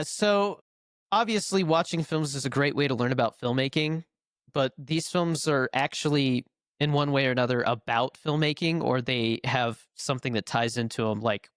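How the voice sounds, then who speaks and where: Co-hosting a filmmaking podcast, a man with a cold sounds nasal and congested as he rambles through a casual chat, full of fillers and restarts. His medium-pitched voice is a bit bright, captured with clean studio sound and no echo.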